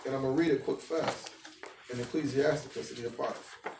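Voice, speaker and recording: A man's voice: mid-range voice, quick pace, gravelly, echoey room, far from the mic. Guy running a bible study, keeps stacking "but, but", sounds off-mic with light background noise. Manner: emphatic, repeats words when excited. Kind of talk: teaching discussion.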